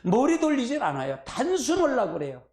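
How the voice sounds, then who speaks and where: Gravelly preacher in an echoey church. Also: male voice, very high voice, huge pitch swings, a little fast, darkish tone. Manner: folksy, call-and-response preaching with asides. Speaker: pastor. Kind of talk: sermon at a prayer meeting. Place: church sanctuary.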